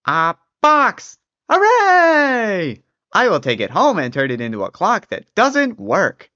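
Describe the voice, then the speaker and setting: A performer voicing an eccentric, excitable and timid old man in a storybook tale. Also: mid-range voice, takes it slowly, highs cut off, pitched above the performer's own voice, exaggerated voice. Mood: excited.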